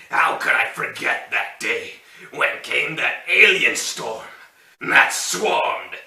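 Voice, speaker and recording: Creaky, power-hungry pterodactyl robot impression. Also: male voice, a little high, sharp tone, full character voice. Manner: switched-in cartoon impression voice, dramatic drawn-out rhyming. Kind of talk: theatrical character poem recital. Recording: roomy echo, distant mic.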